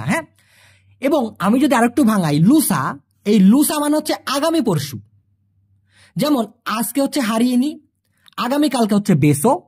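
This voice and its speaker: Woman, online language teacher, lively pitch, patient and repetitive. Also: breathy edge. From Bangladesh. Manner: patient, repeats words slowly to drill them. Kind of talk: video language lesson answering viewer questions.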